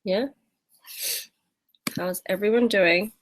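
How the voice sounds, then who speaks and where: Speaking slowly in a mid-range voice, an American woman hosts an easygoing live fitness Q&A, greeting viewers by name between laughs. A little hiss or hum is audible in the recording.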